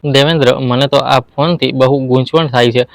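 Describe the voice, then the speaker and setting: A man voicing a sly, scheming young wife who levels false accusations, in a flat, smooth voice. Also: medium pitch, moderate pace, no echo, lightly acted.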